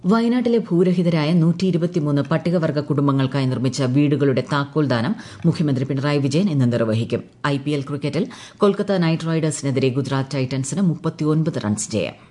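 A woman reading a formal news bulletin in a measured way, letting her sentences fall at the ends. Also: low voice, dark tone. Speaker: newsreader.

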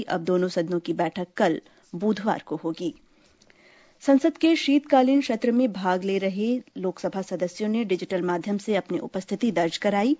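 A woman reading a formal news bulletin in a steady, measured voice. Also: mid-range voice, dull audio. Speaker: news reader.

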